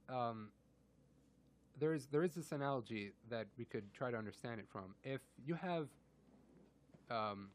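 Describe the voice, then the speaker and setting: A man co-hosting a casual radio chat, walking through physics with simple analogies. He laughs easily and keeps a friendly back-and-forth going. His voice sits at an average pitch. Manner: laughs often, explains with analogies. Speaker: co-host explaining physics.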